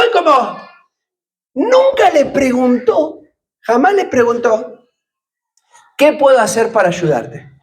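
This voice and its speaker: A man's voice: very high-pitched, fairly bright tone, rough recording. A man preaching a sermon, putting questions to the congregation and joking with them. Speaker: pastor.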